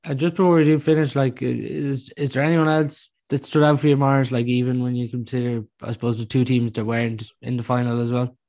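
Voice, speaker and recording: A man's voice: medium pitch, fairly even intonation, a little fast, few pauses, darkish tone. An Irish man hosting a sports show in a casual panel-chat style.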